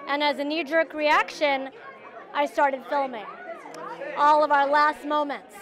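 A woman film director being interviewed outdoors on a red carpet, speaking earnestly and carefully with soft fillers. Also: sits high, fairly even intonation, measured pace, a crowd in the background.

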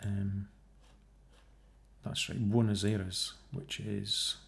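Low-pitched with vocal fry, he speaks very slowly in a level tone. He's a video creator giving casual screen-share commentary, reasoning through figures aloud and making mocking, scornful asides about the idea he's disproving.

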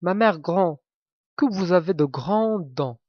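A man's voice: sits high, animated, takes it slowly, dry recording, muffled recording, full character voice. A man doing an earnest, naive little girl. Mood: wondering.

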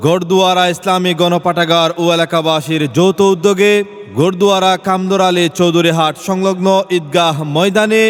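A man giving a sung jingle and formal event announcement over a PA loudspeaker, in a melodic, drawn-out manner. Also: high-pitched, smooth. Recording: long hall reverb with music.

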